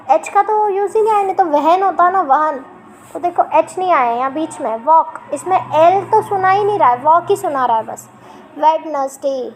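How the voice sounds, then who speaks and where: A woman teacher explaining English spelling to children, patiently repeating words slowly. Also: very high voice, low-quality recording.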